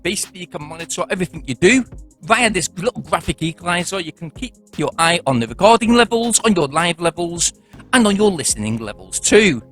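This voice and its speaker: A man with a high, bright voice walks through gear in a casual review. His delivery is chatty and jokey, and his pitch swings widely from line to line. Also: husky. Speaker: product reviewer.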